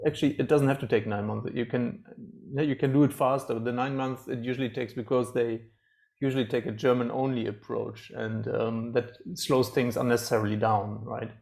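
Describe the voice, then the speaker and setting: Gravelly-voiced male interview host. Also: medium pitch, fairly even intonation, a little fast, darkish tone. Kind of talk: casual interview.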